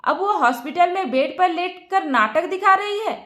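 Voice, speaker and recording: A woman's voice: very high-pitched, animated, normal speed, reverberant, voice pushed up, full character voice. Divya, a woman playing a furious young wife. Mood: angry. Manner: shouting, accusing. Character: angry young wife, sharp-tongued and accusing.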